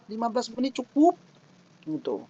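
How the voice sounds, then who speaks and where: A man's voice: very high voice, moderate pace, dull audio, slight background noise. A man giving a casual, joking webinar talk on thesis defense tips, often acting out little mock quotes to make his points. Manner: jokey, lively, acts out mock quotes. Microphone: online webinar mic.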